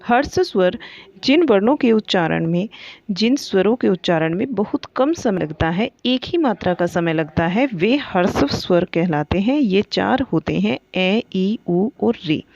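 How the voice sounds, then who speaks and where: A woman's voice: mid-range voice, expressive, a little slow, gravelly, darkish tone, no room sound, dull audio. A woman teaching a grammar lesson for exam preparation, asking questions and then answering them herself, and repeating the key points. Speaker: Hindi teacher.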